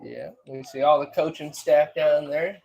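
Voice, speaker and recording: A man's voice: fairly high pitch, fairly even intonation, a little slow, vocal fry, a little mellow, lo-fi sound. A man, the chatty, agreeable color commentator on a local radio football broadcast.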